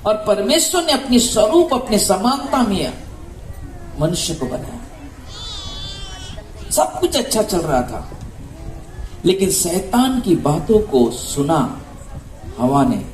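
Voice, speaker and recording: Lively preaching man in an echoey hall. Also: sits high, takes it slowly, long pauses, a little hiss or hum. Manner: asks rhetorical questions and repeats phrases for emphasis. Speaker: pastor. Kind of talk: sermon. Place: church hall. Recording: echoey room with faint ambience.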